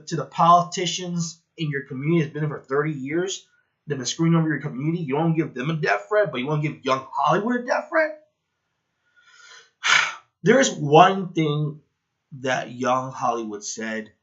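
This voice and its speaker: A man from Latin America giving heated, indignant reaction commentary that rises to loud outbursts. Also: mid-range voice. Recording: dull lo-fi audio.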